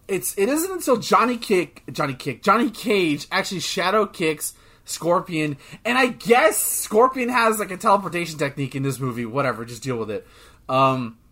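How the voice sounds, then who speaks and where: A man co-hosting a casual chat podcast, rambling and excitable, often swearing as he talks. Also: high-pitched, moderate pace. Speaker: podcast co-host.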